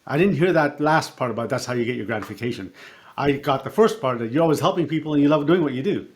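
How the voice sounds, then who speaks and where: A middle-aged man, a coach and podcast guest, telling a personal story in a reflective, halting way with fillers and restarts. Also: a little high, expressive. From born in Africa, raised partly in Canada.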